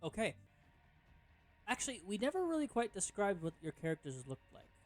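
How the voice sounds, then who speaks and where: A man's voice: sits high, big pitch swings, moderate pace, soft background music. A man narrating as game master of a tabletop game, rambling with many fillers and self-corrections.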